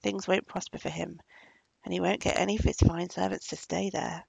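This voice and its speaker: A woman voicing a hurried country farmer who passes on village news, speaking loudly and briskly with a husky, gravelly voice. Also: lowish voice, flat delivery, no room sound, full character voice.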